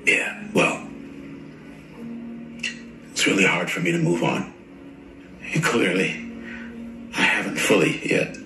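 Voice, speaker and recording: An older actor playing a gentle male therapist who speaks in a measured, softly probing way in a scripted drama clip. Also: echoey room, heavily acted, poor audio. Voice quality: deep, slow and calm.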